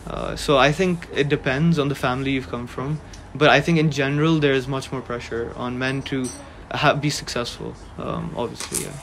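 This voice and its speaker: A man's voice: mid-range voice, big pitch swings, normal speed, gravelly, few pauses, a bit bright. A young man from Pakistan, interviewed in casual conversation, talking hesitantly with many fillers and restarts. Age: young adult.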